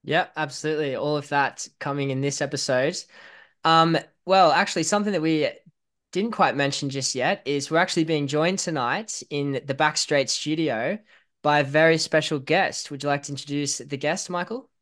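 A man's voice: fairly high pitch, moderate pace, fairly bright tone. A man hosting a podcast in a casual, chatty style. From outside Northern Ireland. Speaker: podcast host. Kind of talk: casual chat.

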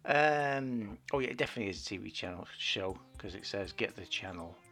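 A man's voice: on the low side, expressive, fairly quick, a bit bright. A man co-hosting a casual radio chat, bantering and asking quizzical questions. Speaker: co-host.

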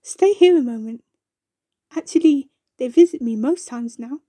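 A woman's voice: high-pitched, expressive, normal speed, dark tone, dry recording. A woman voicing a small, thoughtful female bumble wasp in a storybook reading, speaking hesitantly and dreamily, sometimes stammering. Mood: dreamy.

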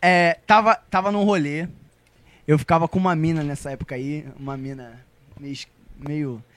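A man's voice: a little high, fairly even intonation, moderate pace, a bit bright. A young man from Brazil chatting on a podcast, joking and teasing his friends with slang. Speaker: podcast co-host. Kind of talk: casual podcast chat.

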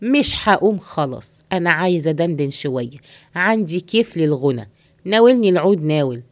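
A woman with an Egyptian accent voicing a scheming, henpecked middle-aged man who plots in hushed tones. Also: animated, brisk, no room sound, lightly acted. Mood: indignant. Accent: Egyptian Arabic. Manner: low hushed plotting tone.

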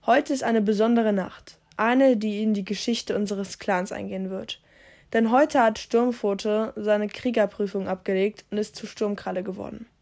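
A woman's voice: medium pitch, fairly even intonation, moderate pace, gravelly, darkish tone, lightly acted. A woman reading aloud and voicing a mighty male cat clan leader who makes solemn announcements to his clan.

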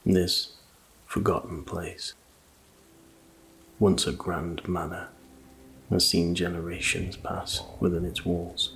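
Male sleep story narrator: deep and flat-toned, hushed, unhurried, calming, rain in the background. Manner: slow, calm, hushed, relaxing delivery. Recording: faint noise under rain ambience. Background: rain ambience.

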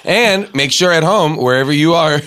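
Wry man with deadpan quips. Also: fairly high pitch, normal speed, clean tone. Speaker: co-host. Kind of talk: comedy podcast banter.

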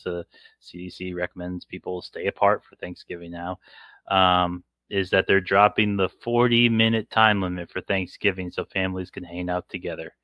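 Low-voiced man hosting a podcast. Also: no room sound, lo-fi sound. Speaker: podcast host. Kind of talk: casual podcast chat.

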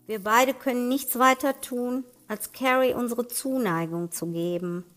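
Woman doing a patient gentle mum, soft and calm, slow storybook reading. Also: fairly high pitch, soft background music. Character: patient, gentle middle-aged mother. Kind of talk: audiobook reading.

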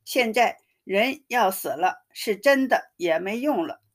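A woman's voice: mid-range voice, expressive, measured pace. A woman reading the lines of an irritated young nobleman in a curt, exasperated way.

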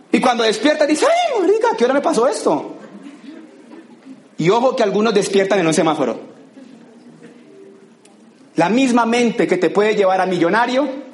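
A Colombian man giving an animated motivational talk to a live audience, acting out scenes with sound effects. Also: high voice, roomy sound. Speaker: motivational speaker.

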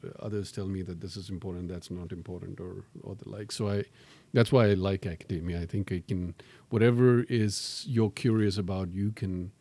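Born in Tanzania to Indian parents, a middle-aged professor talks thoughtfully and self-deprecatingly in a conversational interview, full of fillers and restarts. His low, warm voice is steady and brisk with hardly any pauses, and the recording has no room sound.

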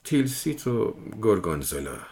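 A man voicing an exhausted, frightened peddler under questioning, speaking in a weary, hoarse murmur. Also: lowish voice, sing-song, a little mellow, a little hiss or hum. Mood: subdued. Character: exhausted frightened middle-aged male peddler.

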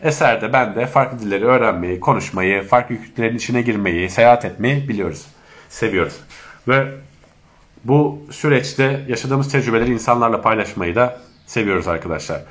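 A man's voice: mid-range voice, brisk, a bit bright. A man with a congested, stuffy nose from allergies, speaking as he politely hosts a casual live-stream chat. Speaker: host of an online live chat.

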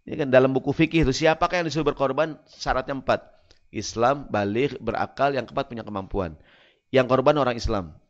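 A man's voice: mid-range voice, fairly quick, muffled recording. A man preaching a sermon to a congregation, joking and asking the crowd questions.

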